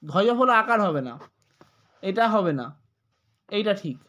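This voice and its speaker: A male exam tutor with a Bengali accent teaches a spelling lesson, slowly spelling words letter by letter and repeating corrections. His voice is high, a bit bright, and lively in intonation.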